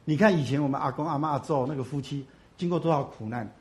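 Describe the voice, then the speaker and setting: Emphatic preaching man. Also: quick pace. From Taiwan. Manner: rising to loud emphatic bursts, then dropping low and soft; asks the congregation questions and answers them. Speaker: pastor. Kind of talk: sermon.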